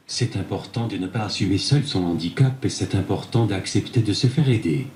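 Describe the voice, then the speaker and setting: A man's voice: on the low side, fairly quick, a little mellow. A man's synthetic text-to-speech voice reading prepared interview answers. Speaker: interview guest. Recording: echoey room sound with faint noise.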